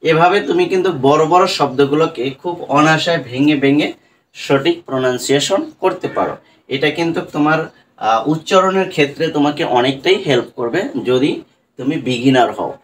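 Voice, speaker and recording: A man with a Bangladeshi accent leads an online English pronunciation lesson in Bengali. His voice sits slightly high, and he spells each word letter by letter. A faint hiss of background noise runs underneath. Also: fairly quick. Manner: spells words letter by letter, asks "right?" often. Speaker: English teacher.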